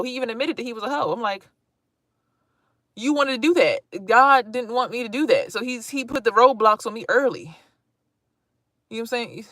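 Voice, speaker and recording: A higher-pitched voice comes through clean studio audio with no echo. The speaker, a vlogger in her thirties, chats casually on a live stream, blunt and animated, swearing freely and making asides to her viewers.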